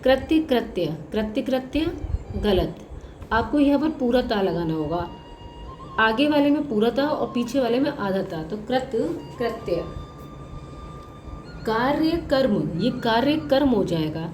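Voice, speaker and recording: A woman's voice: fairly high pitch, expressive, unhurried, darkish tone. A woman college professor giving a spelling lesson, patiently working through correct and incorrect words and repeating each one. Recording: echoey room with faint music.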